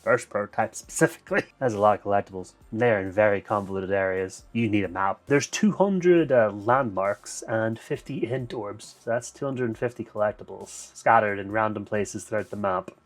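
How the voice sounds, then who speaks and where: Low-voiced teasing podcast co-host. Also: male voice, moderate pace, hardly any pauses. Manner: playful, teasing. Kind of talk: casual podcast chat.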